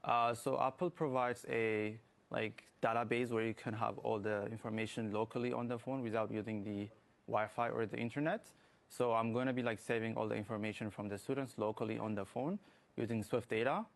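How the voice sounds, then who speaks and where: A young man from Ethiopia answering questions as a guest in a TV interview. His voice sits low and carries a gravelly rasp. He talks in halting bursts, stopping often on "uh" and "like". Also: steady tone. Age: young adult. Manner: halting, many fillers like "uh" and "like". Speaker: guest, student app developer. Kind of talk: morning TV interview.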